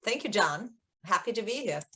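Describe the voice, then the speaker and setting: Appearing as an interview guest, this middle-aged Austrian woman works as a research executive. She speaks German natively, has an Austrian accent, and explains things in a conversational way. Her mid-range voice is bright, lively in intonation and normal in speed.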